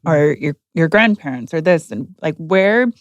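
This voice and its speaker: A woman's voice: low-pitched, animated, moderate pace, dry recording, studio quality. A woman hosting a podcast, talking in an upbeat, chatty way as she opens the show and asks her guest questions. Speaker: podcast host. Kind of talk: casual podcast interview.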